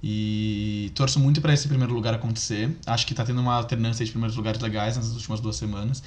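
A fast-talking man co-hosting a music podcast. He sounds enthusiastic and gushes freely about the artists he likes. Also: fairly low pitch, steady tone. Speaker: podcast co-host. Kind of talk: casual music chat.

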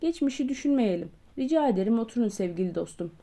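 A woman's voice: fairly high pitch, lively intonation, fast talker, dark tone. A woman voicing a jovial, backslapping older male postmaster in an audiobook, hearty and boisterous. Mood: coaxing. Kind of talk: audiobook character voice.

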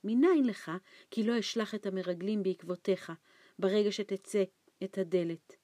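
A woman reading an audiobook, voicing a frightened, starving old man who talks in anxious, hushed pleas. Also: no echo, natural voice. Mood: fearful. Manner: anxious hushed pleading, raised pitch. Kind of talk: audiobook character voice.

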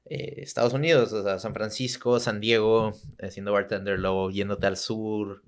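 A man's voice: lowish voice, steady tone, moderate pace. A man hosting a casual podcast, asking loose, rambling questions. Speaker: podcast host.

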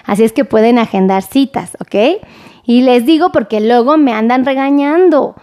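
A Mexican woman doctor hosting a live stream, chatting warmly and greeting viewers by name. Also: fairly high pitch, lively intonation, moderate pace. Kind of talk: casual live-stream chat reading viewer comments.

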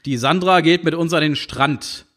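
A man's voice: a little high, moderate pace, fairly bright tone, voice pushed up. A man playing an easygoing middle-aged uncle who speaks in a plain, reassuring way. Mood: calm.

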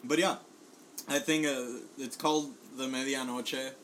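A man from Puerto Rico talks through the dishes in an easy, chatty way. He swears freely and leans on ums and short laughs, at a middling pitch. A faint room hum sits under his voice. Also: steady tone, unhurried, a bit bright, poor audio. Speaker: guest bringing food. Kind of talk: casual food tasting chat.

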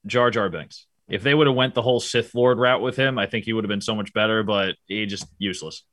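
A man on a podcast panel speaks quickly and mostly chimes in with brief remarks of agreement. His voice is somewhat low, and the sound is dry. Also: steady tone, a bit bright, no echo. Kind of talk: casual podcast chat.

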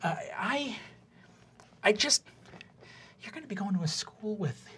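A woman voicing a devout, fussy middle-aged paladin mother who nags and dotes in a high voice. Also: expressive, fairly bright tone, slight background noise. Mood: tearful, pleading. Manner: high, doting, quick nagging.

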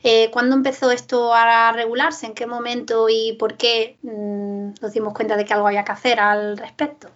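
A woman's voice: on the high side, level tone, normal speed, hardly any pauses, a bit bright, muffled recording. A woman co-hosting a panel, asking inquisitive questions. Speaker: co-host. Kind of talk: moderating a panel.

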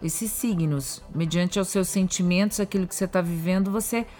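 A woman with a Brazilian Portuguese accent, co-hosting a podcast, curious and animated, often jumping in with questions. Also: lowish voice, normal speed, soft background music. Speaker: podcast co-host. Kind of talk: casual conversational chat.

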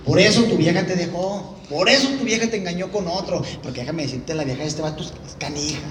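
A man's voice: sits high, fast. A man with a Mexican accent, a comedian teasing his partner with insult jokes in stage banter. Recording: echoey, off-mic, with a crowd behind.

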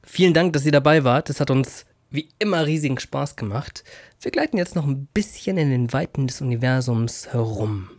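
A man's voice: mid-range voice, animated, moderate pace, no room sound. Playful male podcast host, dry sound. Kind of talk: casual podcast chat.

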